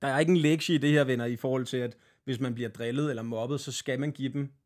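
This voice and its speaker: A man's voice: mid-range voice, fairly even intonation, a little mellow. A man from Denmark co-hosting a casual podcast, telling stories bluntly and swearing often. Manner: blunt, swear-heavy storytelling. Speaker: podcast co-host.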